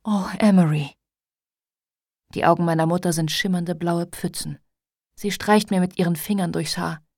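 A woman reading a novel aloud in first person, measured and introspective, recorded on a close studio mic. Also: on the low side, fairly even intonation, vocal fry, no echo. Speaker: audiobook narrator. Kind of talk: scripted audiobook narration.

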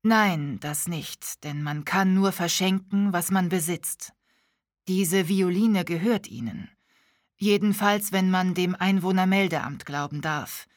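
A woman voicing a kindly, mysterious old man who speaks slowly and thoughtfully. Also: lowish voice, no echo, studio quality. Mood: gently insistent. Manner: slow, thoughtful delivery.

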